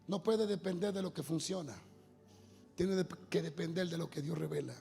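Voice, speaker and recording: A man preaching a sermon to a congregation, building from storytelling into loud, half-sung shouting. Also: on the high side, normal speed, gravelly. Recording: long hall reverb, faint music.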